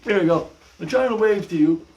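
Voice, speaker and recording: An older man hosting a casual livestream podcast from his hallway at home, talking to viewers in an animated, folksy way through a propped-up phone. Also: high-pitched, a little fast, lo-fi sound, slight background noise. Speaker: podcast host. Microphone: phone or camera propped on a stand. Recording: echoey hallway with music playing.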